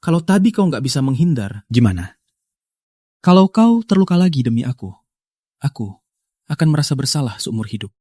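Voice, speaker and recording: A man's voice: mid-range voice, very animated, fairly quick, pauses often, dry recording, studio quality. A man voicing a devoted young husband, tender and reassuring in a dubbed drama. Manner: tender, reassuring, gently teasing.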